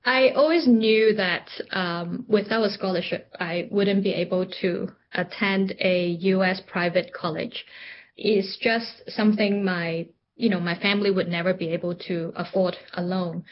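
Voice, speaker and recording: A middle-aged woman from Hong Kong answers interview questions with care, pausing on ums and restarting her sentences. The audio is a little dull, with a faint low hum underneath. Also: steady tone. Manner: thoughtful, frequent ums and restarts. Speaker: interview guest, entrepreneur. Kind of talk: reflective interview conversation.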